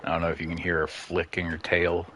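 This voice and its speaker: A man giving casual let's-play commentary at home, chatty and quick to laugh, chatting about his cat as he plays. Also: low voice, monotone, a bit bright. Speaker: gaming streamer. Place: at home near a couch.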